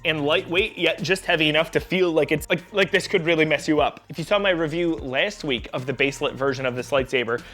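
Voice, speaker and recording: A man's voice: a little high, a little fast, hardly any pauses, a bit bright, faint music behind. A man hosting his own channel, giving a casual, enthusiastic and jokey product review.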